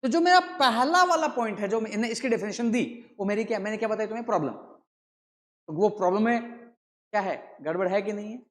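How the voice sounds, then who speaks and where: A man's voice: sits high, animated. Guy teaching a class, keeps asking "got it?", voice bouncing all over, long hall reverb. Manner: keeps quizzing the class with quick rhetorical questions. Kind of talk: classroom lecture.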